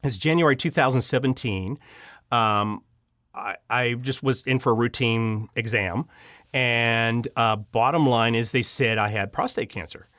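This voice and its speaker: Speaking at a measured pace with a medium-pitched, fairly bright voice, an audio drama writer and director is interviewed in a clean, echo-free studio recording. He tells animated anecdotes with gushing enthusiasm and performs the dialogue himself.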